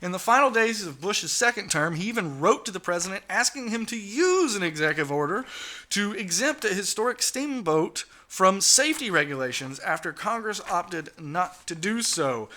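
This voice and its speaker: A man with a high, very bright and cutting voice runs a political talk show. He reads news items aloud, then breaks off into sarcastic, indignant rants laced with swearing. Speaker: podcast host. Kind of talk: ranting political commentary.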